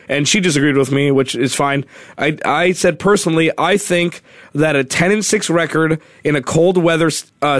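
A man's voice: a little high, no room sound. A man hosting a sports radio talk show from the studio, chatting casually and rambling as he thinks aloud.

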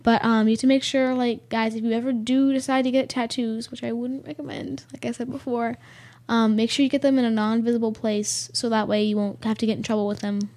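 A woman's voice: a little high, little pitch movement, fairly quick, hardly any pauses, darkish tone. A teenage girl co-hosting a student radio show in casual chat, giggly and full of fillers like "like" and "um". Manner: chatty, giggly, filler-heavy with lots of likes and ums.

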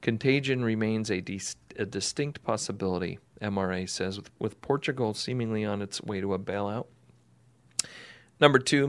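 A man hosting an investing radio show, chatting casually, rambling and laughing as he reads articles aloud. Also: on the low side.

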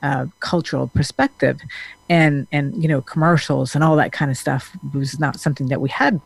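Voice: medium pitch, fairly even intonation, normal speed, creaky, slightly rough, no echo. Earnest, rambling therapist from Denmark. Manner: earnest, rambling, with frequent restarts and fillers. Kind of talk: casual talking-head monologue.

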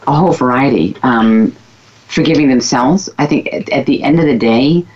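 A former physical therapist, here as a woman guest, speaks in a slightly rough bass voice at a moderate pace. The casual conversation is candid and emphatic, she admits to being a loudmouth, and the recording is dull and lo-fi.

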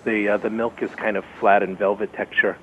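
A man's voice: fairly low pitch, flat delivery, fairly quick, dull audio, slight background noise. A man speaking as a guest on a radio panel, hesitant and full of fillers.

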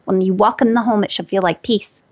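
A woman's voice: steady tone, a little fast, a little mellow, muffled recording. A woman working as an energy healer who gives casual, upbeat parenting advice and sometimes shifts into a sing-song voice. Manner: upbeat, shifts into a high sing-song voice when quoting what she says to kids.

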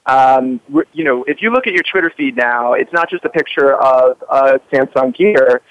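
A man's voice: mid-range voice, expressive, normal speed, fairly bright tone, muffled recording. A man speaking casually as an interviewed correspondent, conversational and peppered with "like" and "you know". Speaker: roving correspondent, interview guest.

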